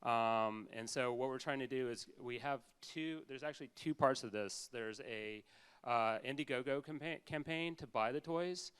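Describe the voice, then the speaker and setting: A man making a halting, informal announcement to a meetup crowd, full of ums. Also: medium pitch, fairly bright tone, smooth. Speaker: community event organizer. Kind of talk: announcement pitch.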